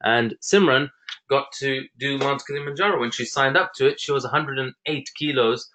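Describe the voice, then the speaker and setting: A man's voice: mid-range voice, moderate pace, pushed and bright, slight background noise. A man in his thirties, from the United Kingdom, presenting a fitness program with enthusiasm and frequent fillers like "uh" and "um". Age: 30s. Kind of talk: presentation talk.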